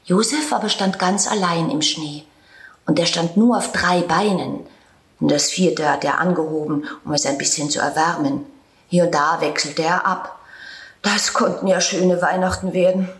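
A woman narrating a storybook tale with a calm, tender reading manner and soft whispered passages. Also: on the low side, moderate pace. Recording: roomy echo.

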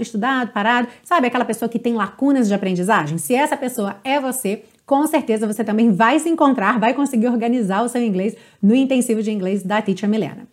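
Brazilian woman, english teacher, upbeat and clear, kinda high voice. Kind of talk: online English lesson with promo.

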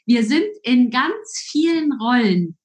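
A woman, a podcast guest, talking about herself in a slow, searching, hesitant way. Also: fairly high pitch, expressive. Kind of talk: casual interview talk.

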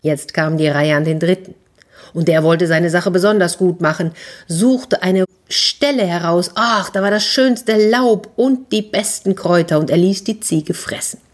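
A woman telling a fairy tale to children in a lively, expressive way. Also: on the low side, unhurried. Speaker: storyteller.

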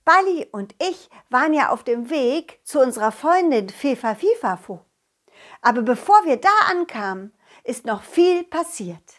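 A woman narrating a children's audio story in a playful, animated way, also speaking as the main character. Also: high voice, unhurried.

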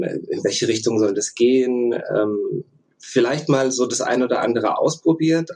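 A man's voice: fairly low pitch, a little mellow, slightly rough, poor audio. A man in his thirties, a podcast guest, telling his story in a hesitant, thoughtful way with many fillers. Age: 30s. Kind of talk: casual interview chat.

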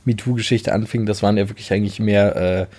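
A man's voice: lowish voice, steady tone, quick pace, dark tone. A man from Germany co-hosting a podcast, talking casually and hesitantly with many restarts and fillers. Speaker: podcast co-host. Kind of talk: casual debate chat.

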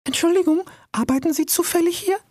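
Eager formal little female mouse played by a woman, high-pitched, courteous audio-drama role. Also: a little fast, dark tone, no room sound, studio quality. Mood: polite. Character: polite, chatty female mouse surveyor.

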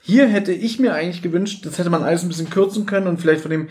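This man has a fairly high voice and talks in a casual podcast chat. He retells scenes in a lively way and laughs often as he goes. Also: quick pace. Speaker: podcast co-host. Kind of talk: casual chat recapping an audio drama.

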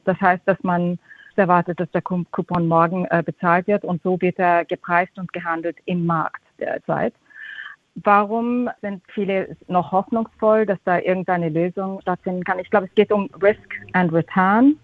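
A middle-aged woman with an English-tinged accent, a fund manager answering interview questions haltingly, repeating words and slipping into English terms. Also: lowish voice, fairly even intonation, no room sound. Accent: English-tinged German. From half Austrian, half Japanese. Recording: tinny phone-like line.

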